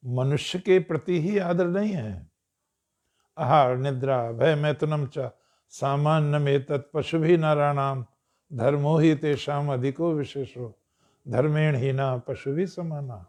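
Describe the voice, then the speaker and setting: A man gives a storytelling discourse to an audience in a fairly high-pitched voice with a darkish tone. He speaks in a measured way and clears his throat now and then.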